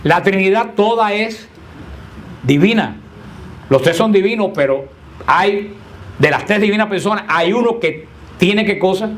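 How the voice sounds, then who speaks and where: A man's voice: sits high, animated, unhurried, long pauses, a little hiss or hum. A man leading a Bible study lecture, explaining plainly, repeating key points and keeping the group engaged with questions. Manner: keeps asking the group questions; playful teasing of the listeners. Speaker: Bible class teacher.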